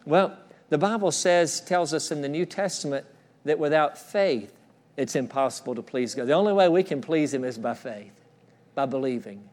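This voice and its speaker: A middle-aged pastor delivers an earnest sermon to his congregation in a church. His voice sits a little high for a man, and he often repeats his phrases. He drops to a soft, slow hush whenever he speaks the quoted words. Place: church sanctuary.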